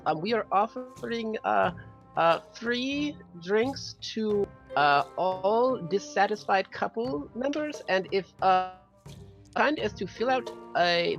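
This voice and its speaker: Woman as polite little zebra child, talking-pony cartoon voice, high and halting, tabletop fantasy game. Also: rough recording.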